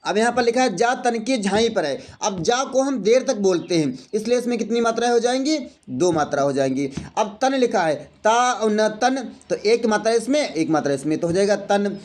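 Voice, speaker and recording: A man's voice: high voice, animated, normal speed, hardly any pauses, a little mellow. A male teacher giving a grammar lesson, explaining step by step and counting aloud as he asks and answers his own questions.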